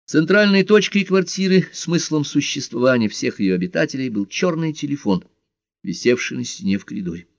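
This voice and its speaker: A man narrating an audiobook in an expressive storytelling manner. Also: medium pitch, fairly quick, creaky, dry recording, lo-fi sound. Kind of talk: scripted narration.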